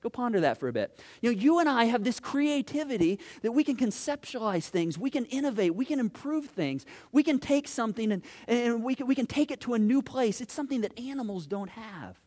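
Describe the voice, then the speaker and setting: A man preaching a sermon as pastor in a church, animated, asking many rhetorical questions and swinging from loud to hushed. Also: very high voice, brisk, hardly any pauses.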